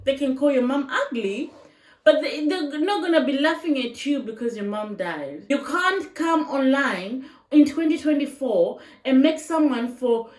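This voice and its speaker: A woman's voice: sits high, darkish tone, recorded from a distance. A woman vlogger giving casual opinion commentary, speaking emphatically, repeating her points and asking rhetorical questions. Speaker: vlogger reacting to online videos. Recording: roomy echo, voice a bit off-mic.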